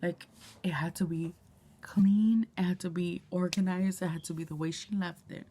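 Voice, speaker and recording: A woman vlogger telling a casual story, often dropping to a hushed whisper and swearing freely. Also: on the low side, fairly even intonation, moderate pace, a little hiss or hum.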